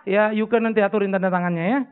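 A middle-aged man, a pastor preaching and taking questions, blunt and joking, swinging between loud outbursts and quiet confession. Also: sits high, steady tone, rapid-fire, smooth, some chatter behind. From North Sumatra, Indonesia. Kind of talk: sermon with audience Q&A. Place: church hall before a congregation. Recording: tinny lo-fi phone-like recording.

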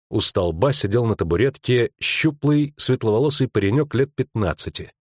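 A man narrating an audiobook in a measured reading voice. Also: mid-range voice, darkish tone, dry recording, studio quality. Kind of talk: scripted narration.

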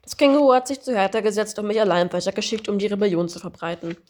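A woman doing an amateur audiobook reading in a plain, even manner. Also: medium pitch, fast. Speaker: audiobook reader.

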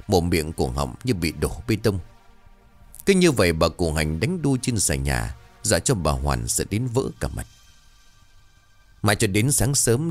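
A man narrating a scripted horror story in a dramatic, suspenseful way. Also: low-pitched.

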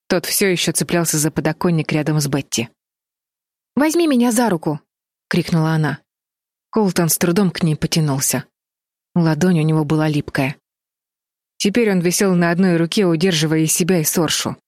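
A woman narrating an audiobook with steady, dramatic storytelling. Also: low voice, a little fast, no echo, studio quality. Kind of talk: scripted narration.

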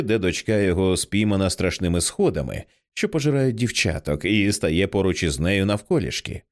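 A man narrating an audiobook dramatically, acting out each character. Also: on the low side. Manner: expressive, acts out each character. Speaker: audiobook reader.

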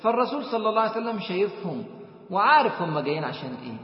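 Fast-talking Egyptian preacher in an echoey hall. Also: male voice, sits high, big pitch swings. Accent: Egyptian Arabic. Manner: rhetorical questions, swings between soft and emphatic. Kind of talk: religious lecture. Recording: echoey hall, dull lo-fi sound.

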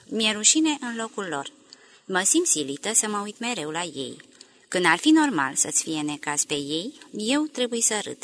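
A woman's voice: sits low, fairly bright tone, slight background noise. A woman reading the lines of an anxious, tormented young woman in an audiobook, with a pleading, emotional delivery.

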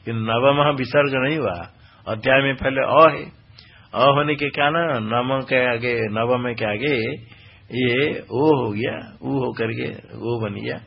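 A man's voice: medium pitch, vocal fry, slightly rough. A male spiritual teacher explaining scripture recitation. He is exacting, corrects pronunciation point by point and quizzes his listeners. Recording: dull lo-fi recording.

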